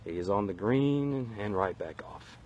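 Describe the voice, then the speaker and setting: A man doing mock-formal televised golf commentary for friends outdoors, sometimes dropping to a hushed announcer voice. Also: fairly low pitch, expressive, unhurried, lo-fi sound. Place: outdoors on a windy course. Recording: loud wind noise outdoors.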